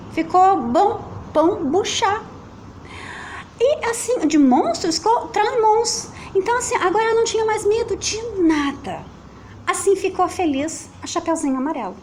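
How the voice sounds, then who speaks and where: A high, animated woman's voice with a Brazilian Portuguese accent, swooping up and down as she tells a children's story. She plays with the words in a sing-song way. A faint hum of room noise sits under her voice. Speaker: storyteller teacher. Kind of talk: reading a children's story aloud. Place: at home with children and a pet nearby.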